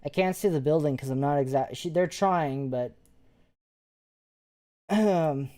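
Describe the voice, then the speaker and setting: Woman rambling on a stream, low mellow voice, chatty w lots of restarts. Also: unhurried. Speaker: paranormal investigator and streamer. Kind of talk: casual live-stream chat.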